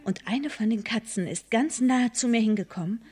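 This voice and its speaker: A woman playing a husky, hushed mother. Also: on the high side, moderate pace. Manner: hushed, spooky storytelling. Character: a mother telling of an eerie cat encounter. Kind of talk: radio play acting.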